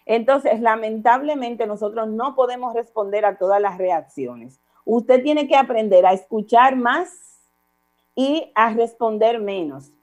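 Dominican woman with a higher voice giving parenting advice. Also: a little slow. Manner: calm, didactic, addresses listener formally with repeated examples. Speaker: parenting counselor guest. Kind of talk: advice talk on a radio or online show.

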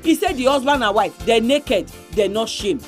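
A woman's voice: a little high, animated, normal speed. Nigerian Pidgin-speaking woman presenting, over music. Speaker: radio programme host.

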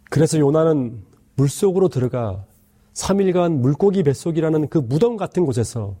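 Male pastor, mid-pitched mellow voice, earnest pleading sermon delivery. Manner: earnest, pleading preaching with soft, lowered endings.

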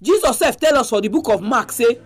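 High-pitched Nigerian Pidgin male preacher. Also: expressive, a little fast. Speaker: religious radio programme host. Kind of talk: preaching programme sign-off in Pidgin.

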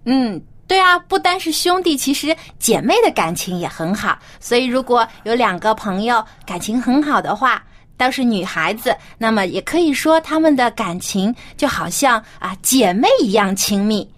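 A woman's voice: fairly high pitch, lively intonation, moderate pace. A woman hosts an educational children's broadcast, explaining phrases and lessons expressively to young listeners. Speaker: children's radio show host.

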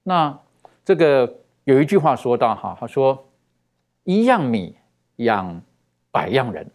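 A man giving a sermon, talking in an animated, conversational way with many fillers and drawn-out emphasis. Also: medium pitch. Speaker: preacher.

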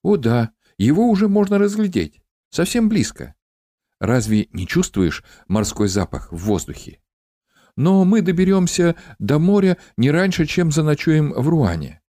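A man voicing an eager young male traveling companion in an audiobook, excited and reassuring. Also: a little high, measured pace, voice pushed up.

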